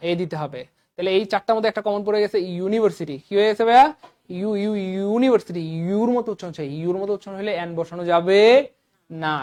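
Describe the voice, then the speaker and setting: A man's voice: high-pitched, a little mellow. A man with a Bangladeshi Bengali accent teaching an English grammar lesson, quizzing his class with questions and drilling examples by repetition. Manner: quizzing students with rising questions.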